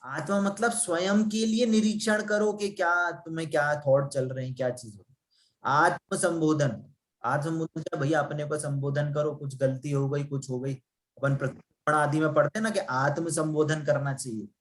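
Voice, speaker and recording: A man's voice: on the high side, steady tone, moderate pace, rough recording. A man teaching a religion class, asking students questions and explaining with everyday examples. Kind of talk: interactive class lesson.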